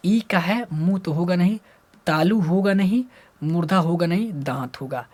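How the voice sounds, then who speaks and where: A man teaching Hindi grammar to school students, repeating letter sounds aloud and asking and then answering his own questions. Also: moderate pace. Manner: jumps between loud drilled syllables and low muttering. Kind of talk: explaining lesson to students.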